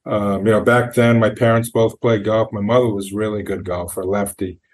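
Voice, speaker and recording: A man's voice: lowish voice, level tone, moderate pace, a little mellow, slight background noise. A middle-aged man from New Hampshire, a golf coach, telling long rambling stories as a podcast guest. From New Hampshire, USA. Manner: rambling anecdotal storyteller, acts out quotes. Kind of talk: storytelling in an interview.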